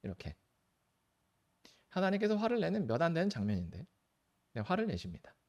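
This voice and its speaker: A man's voice: fairly high pitch, wildly swooping pitch, brisk, darkish tone, highs cut off. A male pastor teaching in a live stream and taking viewers' questions, earnest and pleading, with sudden lifts of stress on key words.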